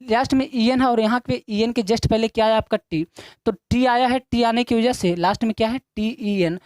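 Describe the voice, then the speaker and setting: A woman's fairly high, darkish voice moves at normal speed, with no echo present. Teaching English in a classroom-style video lesson, she drills repetitively, asks and answers her own questions, and addresses her learners as children.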